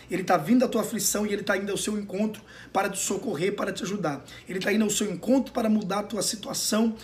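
A man preaching an earnest, reassuring sermon. He repeats his phrases for comfort and pauses on fillers. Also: high voice, a little hiss or hum. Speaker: pastor.

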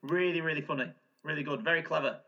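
A man's voice: a little high, fast talker, bright, forceful tone. A man chatting casually with friends, enthusiastic and swearing freely. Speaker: podcast co-host. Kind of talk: casual chat. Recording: dull lo-fi audio.

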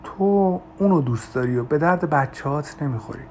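A man voicing a calm, confident woman friend who talks gently and reassuringly in an audiobook. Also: a little high, slight background noise, natural voice. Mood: gentle.

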